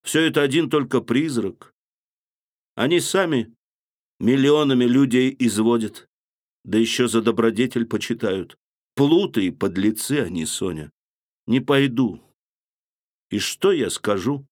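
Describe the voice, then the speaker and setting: A man's voice: medium pitch, unhurried, pauses often, a little mellow, dry recording, studio quality, natural voice. An actor playing a feverish, brooding young man in a literary audiobook reading, with an intense confessional manner. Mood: bitter.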